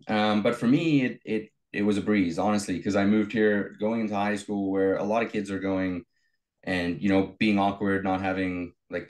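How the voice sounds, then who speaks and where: A young man with a lowish voice, from South Africa, talking as a guest in a casual interview. He tells his story easily, pausing on fillers as he goes. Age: young adult. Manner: relaxed storytelling with many fillers. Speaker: guest, bodybuilder and coach.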